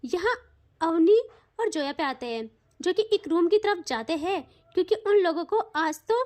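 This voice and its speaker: A woman's voice: very high-pitched, lively intonation, moderate pace, darkish tone. A woman narrating an audio love story in a chatty, informal way.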